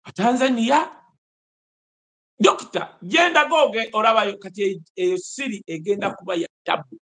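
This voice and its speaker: A Ugandan man in his forties giving emphatic, animated political commentary over a video call from an indoor room. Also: sits high, moderate pace. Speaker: host. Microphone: video call webcam.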